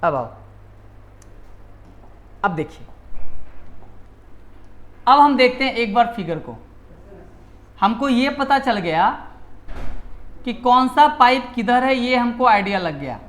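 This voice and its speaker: A man's voice: very high-pitched, animated, slow pace, pauses often, a bit bright. A male teacher giving a classroom lecture in Hindi mixed with English terms, often repeating key words and answering his own questions. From India.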